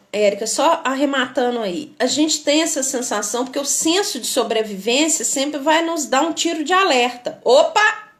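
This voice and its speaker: A woman with a Brazilian Portuguese accent, hosting a live motivational talk and answering viewers, speaking emphatically and acting out what people say. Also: high-pitched. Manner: emphatic, animated, acts out quoted dialogue.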